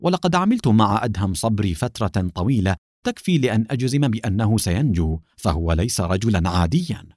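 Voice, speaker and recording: A man reading aloud, voicing a composed senior male army officer with a measured, regretful manner. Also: lowish voice, big pitch swings, a little mellow, dry recording, studio quality.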